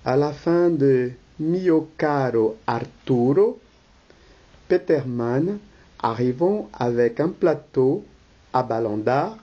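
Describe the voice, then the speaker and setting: A reader of all the roles, calmly reading the stage directions in a rehearsal read-through of a play. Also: mid-range voice, slow pace, dull audio.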